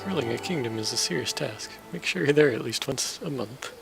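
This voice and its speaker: A man's voice: medium pitch, animated, fairly quick, vocal fry, low-quality recording. A man giving casual commentary while playing a video game, with dry, wry asides. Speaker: let's play host. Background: game music and sounds.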